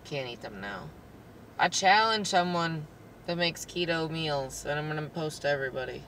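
A woman in her thirties co-hosting a casual road-trip vlog, chatty with quick asides, speaking from a car's passenger seat. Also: sits low, expressive, fairly bright tone. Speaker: vlog co-host. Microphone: phone camera held by the driver, off to the side. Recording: distant phone mic with clear road noise.

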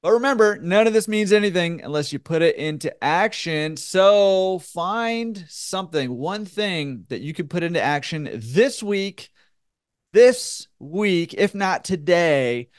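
A man's voice: sits high, expressive, unhurried, clean tone. A man hosting a podcast, upbeat and encouraging, talking casually with many fillers. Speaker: podcast host.

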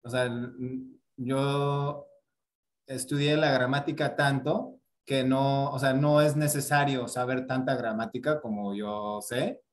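A man's voice: medium pitch, steady tone, slow pace. A man teaching a casual grammar lesson, explaining patiently with many fillers and checking in with tag questions. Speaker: Spanish teacher.

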